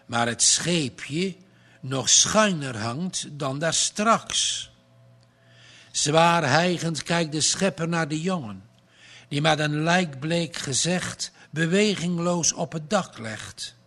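A man narrating a storybook aloud with a slow, dramatic read-aloud delivery. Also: on the high side, a bit bright.

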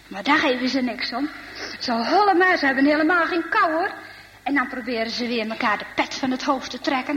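Lively woman telling a children's story. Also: sits high, long reverb tail, muffled recording, a little hiss or hum. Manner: lively, addressing listeners with asides.

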